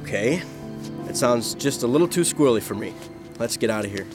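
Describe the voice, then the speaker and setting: A man's voice: mid-range voice, expressive, brisk, loud music behind the voice, close to an everyday voice. A man playing a tough, wary young motorbike rider in an audio drama, blunt and dry. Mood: wary, firm.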